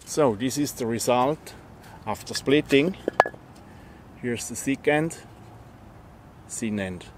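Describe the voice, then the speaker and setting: A bushcraft instructor, German by first language, leads an outdoor demonstration in the forest, breaking the task into plain, friendly steps. His mid-range voice is slow and broken by long pauses, against heavy background noise.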